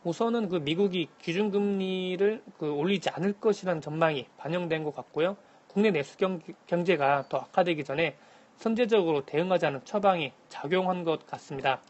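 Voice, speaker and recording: Higher-voiced man giving a radio economic briefing. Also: fairly quick. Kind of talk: scripted news briefing, answering by phone. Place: phone link to a radio programme.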